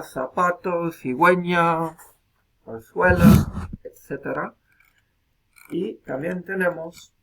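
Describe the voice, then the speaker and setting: Slow gravelly guy lecturing on video, says example words out loud one at a time. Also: on the high side. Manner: slow and deliberate, saying example words aloud.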